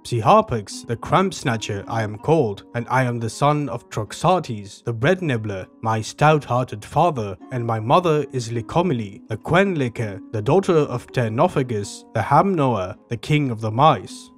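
A man's voice: medium pitch, animated, normal speed, hardly any pauses, soft background music, close to an everyday voice. A man voicing a proud, boastful young male mouse warrior in a storybook retelling, with grand, formal recitation.

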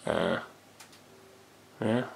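A man, chatting casually to his own camcorder at home in a rambling way. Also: very slow. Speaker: vlogger. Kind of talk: casual chat to camera. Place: hot room at home. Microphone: camcorder built-in mic.

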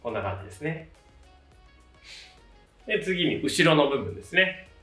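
In a fairly high, pushed, bright voice with big pitch swings, a hairdresser in his thirties hosts his channel, giving casual, courteous step-by-step instructions at normal speed. Faint music sits under an echoey, distant-mic recording.

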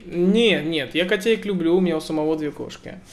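A young man in his twenties, teasing and playful, laughing between questions. His voice is gravelly with a lot of fry. He talks into a webcam from a small room. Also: fairly high pitch, brisk. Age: 20s. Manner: joking, teasing, laughs often. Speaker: guitarist chatting with strangers. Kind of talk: casual video chat. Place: indoor room, seated in a chair. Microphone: webcam video call.

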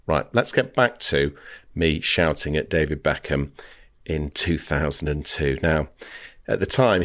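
Deep-voiced British-raised man telling a story. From United Kingdom. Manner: conversational, frequent "you know" fillers. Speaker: podcast host, former reporter. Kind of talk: storytelling monologue.

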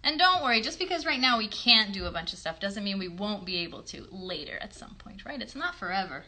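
Hosting a puppet show from a bedroom at home, a woman in her thirties encourages children with simple questions and praise in casual chat, captured by a phone a short distance away. Her medium-pitched voice has big pitch swings and is brisk, bright and forceful.

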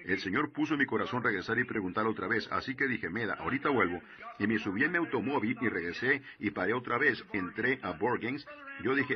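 A man preaching a sermon, telling a story and slowing down to stress his warnings. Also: fairly low pitch, lo-fi sound. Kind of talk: sermon in Spanish voice-over.

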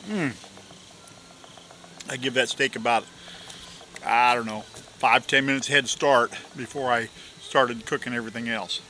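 A man chats loosely to the camera at his campsite, his voice bright and forward. He rambles along with plenty of fillers and half-finished thoughts, with a faint hum of insects and outdoor air behind him. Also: medium pitch, unhurried, pauses often. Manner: relaxed, rambling, with filler sounds and trailing off. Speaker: outdoor cooking vlogger. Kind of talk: casual chat while eating.

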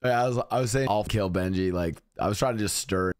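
A man's voice: on the low side, fast, dry recording, studio quality. A young man streaming, reacting to clips and bantering with chat in a joking, profane way.

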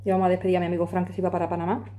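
The speaker, a woman in her forties from Madrid, chats to a phone camera on her kitchen table while eating, vlog-style. Her lowish voice is warm but monotone and comes out rapid-fire, with a little hiss or hum in the background. She talks with her hands, chatty and emphatic.

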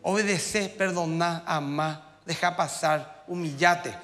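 A male pastor preaches in an animated, conversational way. His voice sits high for a man. The sound carries a long hall reverb with faint music underneath. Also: slow. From Paraguay. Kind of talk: sermon.

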